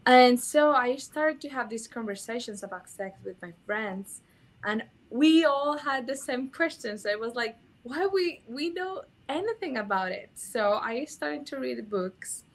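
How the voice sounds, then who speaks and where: A young Mexican woman, a native Spanish speaker with a Mexican Spanish accent, talks earnestly about intimacy as a guest in a casual conversational interview. Her voice is on the high side with lively intonation, she speaks a little slowly, and she often restarts her phrases.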